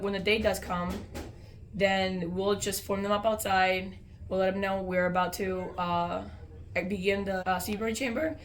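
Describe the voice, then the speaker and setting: A woman's voice: medium pitch, slight background noise. An American woman, a soldier, explaining training procedures in an informal interview.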